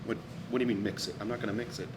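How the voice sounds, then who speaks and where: A man acting as sommelier at a live comedy show, explaining wines in a deadpan way and slipping in absurd asides without changing tone. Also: lowish voice, very fast. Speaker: sommelier guest. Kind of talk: live comedy wine tasting. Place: small live venue on stage. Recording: roomy live venue, from far off, noisy.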